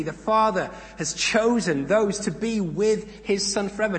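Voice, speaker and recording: A male preacher delivers a sermon in a church hall, reading scripture aloud with swelling emphasis and then explaining it plainly. His voice sits a little high for a man. A long reverb trails behind every phrase. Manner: reads scripture with rising emphasis, explains in calm asides.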